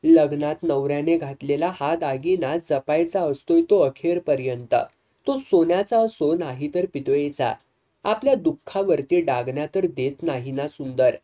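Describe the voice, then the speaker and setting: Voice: mid-range voice, unhurried, mellow, lightly acted. A storyteller voicing a humble, remorseful woman who pleads tearfully. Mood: pleading.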